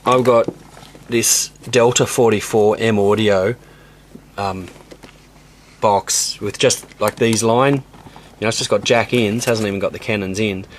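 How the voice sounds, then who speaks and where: Rambling low-voiced man in a home studio. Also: fairly even intonation, measured pace, long pauses, a little hiss or hum. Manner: rambling, frequent ums and restarts, blunt and offhand. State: voice going hoarse. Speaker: home studio tutorial host. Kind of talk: casual equipment walkthrough.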